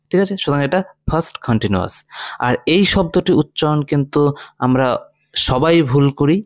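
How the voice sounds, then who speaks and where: A man teaching English line by line in Bengali, reading English slowly and often checking "ঠিক আছে?". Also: mid-range voice, no echo. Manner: reads English phrases slowly, then explains in Bengali.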